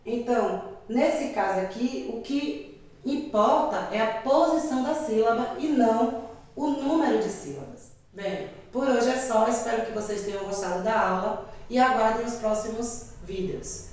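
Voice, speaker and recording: A Brazilian woman teacher giving a video lesson to children, speaking slowly and carefully and repeating example words. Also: fairly high pitch, a little mellow. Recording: very echoey room, distant mic.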